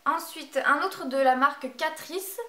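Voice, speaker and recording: A woman's voice: high voice, a little slow, bright, forceful tone. A woman reviewing beauty products in a casual vlog, talking hesitantly with many filler sounds. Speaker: beauty vlogger. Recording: echoey room, voice from a distance.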